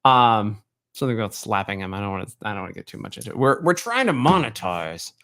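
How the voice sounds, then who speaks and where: A man's voice: fairly low pitch, sing-song, fast talker, gravelly, a bit bright. A man hosting a live podcast, joking and rambling in casual chat with his co-host. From Texas, US.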